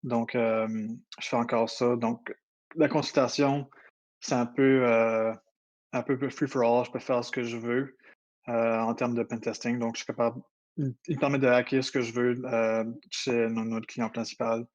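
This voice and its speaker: Acadian French man, 30s, quick, hesitant guest presenter; flat pitch, dull call audio. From New Brunswick. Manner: fast-talking, many hesitations. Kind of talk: casual online presentation. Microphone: computer mic on a voice call.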